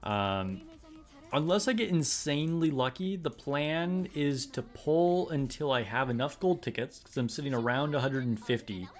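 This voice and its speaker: Soft music sits under this male gaming streamer, whose medium-pitched voice is expressive and moves at a normal speed. His live-stream chat is easygoing and meandering, packed with filler words as he talks with viewers.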